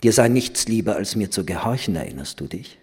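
Man reading young commanding woman, low husky tone, slow and insistent, audiobook. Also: animated, a little mellow. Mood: earnest, commanding. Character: young woman, playful yet grave and commanding.

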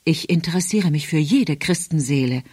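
A woman's voice: sits low, animated, normal speed, a little mellow, breathy edge, no echo, studio quality. A woman voicing an earnest, pious woman in an audiobook, coaxing in manner.

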